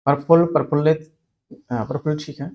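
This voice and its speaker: A man teaching a spelling lesson, asking questions and answering them himself, repeating key words slowly. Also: fairly high pitch, steady tone, a little mellow. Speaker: Hindi grammar teacher.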